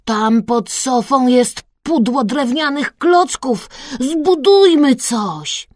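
A woman's voice: sits high, animated, takes it slowly, a little mellow, no echo, clean studio sound, pitched above the performer's own voice, full character voice. A woman voicing a cheeky boy mouse in a children's story. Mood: eager.

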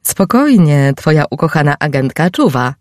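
A woman voicing a brisk, caring female literary agent in an audiobook, reassuring but a little bossy. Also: low voice, big pitch swings, a little mellow, no room sound, clean studio sound. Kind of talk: audiobook reading.

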